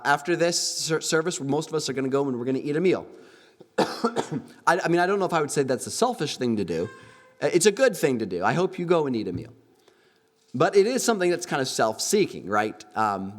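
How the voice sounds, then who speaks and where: Male pastor, lively animated sermon delivery, slightly high voice, long hall reverb. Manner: animated preaching, acts out quoted husband. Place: church service.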